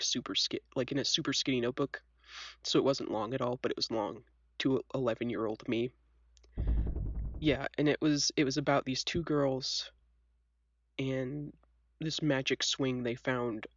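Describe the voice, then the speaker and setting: In a muffled recording with no room sound, a young woman hosting a video chats and tells stories casually, making self-deprecating remarks. She has a cold, so her bass voice is scratchy and congested, though fairly bright in tone, and she sniffles.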